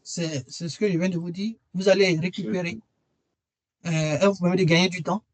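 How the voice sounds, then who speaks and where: High-voiced man pitching a webinar course. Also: steady tone, normal speed, dry recording. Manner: earnest and persuasive, repeats key phrases. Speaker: webinar presenter and AI trainer.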